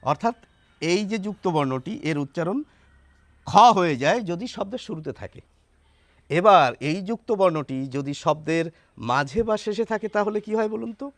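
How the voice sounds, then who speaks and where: A man giving a friendly explanatory lesson, reciting rhyme lines slowly and often asking his viewers questions. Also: sits high, expressive, a bit bright, no echo. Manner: asks rhetorical questions to viewers. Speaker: teacher.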